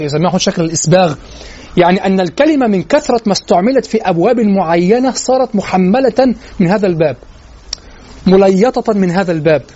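A man's voice: high voice, darkish tone. A male teacher giving a classroom lecture on classical poetry. He recites verses and then explains the words, asking his listeners rhetorical questions. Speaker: literature teacher. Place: lecture room in an institute. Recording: dull lo-fi lecture recording.

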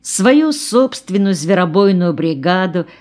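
Woman reading a story aloud, slow and calm, lowish voice. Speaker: audiobook narrator. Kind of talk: scripted narration.

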